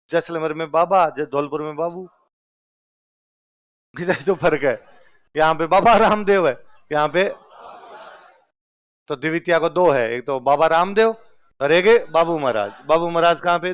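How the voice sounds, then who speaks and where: Teaching an exam-prep lecture, a man from Rajasthan with a smooth voice on the high side quizzes his audience. Again and again he asks a question, then answers it himself in call-and-response style.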